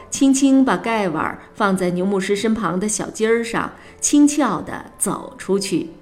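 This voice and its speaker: A woman reading a novel aloud on the radio in measured, expressive narration. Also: mid-range voice.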